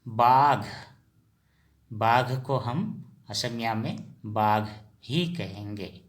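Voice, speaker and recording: A man teaching vocabulary in Hindi, repeating each word slowly and asking and answering his own questions as he addresses viewers as friends. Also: medium pitch. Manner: slow and repetitive, drills each word. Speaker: language teacher.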